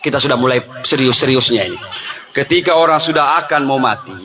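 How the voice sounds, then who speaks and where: A man's voice: medium pitch, fast, a crowd in the background. A middle-aged male preacher giving a humorous sermon, telling stories, laughing often and talking straight to the congregation. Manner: storytelling, laughing often, addressing the congregation directly.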